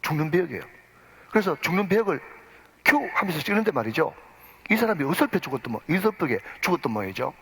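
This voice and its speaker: A man's voice: fairly high pitch, big pitch swings, fast, vocal fry, fairly bright tone, husky. A male pastor preaching a sermon, emphatic, addressing the congregation and leading them in responses. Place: church sanctuary. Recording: long church reverb.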